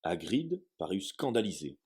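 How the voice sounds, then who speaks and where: A man narrating a storybook aloud in a steady, measured reading. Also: deep voice, slightly rough. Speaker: audiobook reader.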